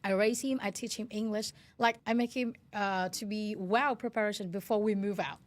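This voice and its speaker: Speaking at a moderate pace with medium pitch and fairly even intonation, this Hanoi-born woman in her thirties has a Vietnamese accent. She is an educator and CEO, earnestly recounting her story as an interview guest in non-native English phrasing.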